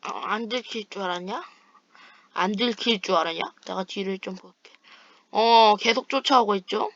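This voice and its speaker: A woman hosting a gaming channel chats with a friend over voice chat while playing online, trading playful trash talk. Her medium-pitched voice is fairly bright and moves at a moderate pace, though the recording sounds muffled.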